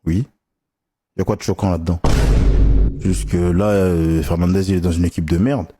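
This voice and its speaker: A young man chatting casually to his viewers, telling animated stories in street slang. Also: deep voice, normal speed, background noise. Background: music playing.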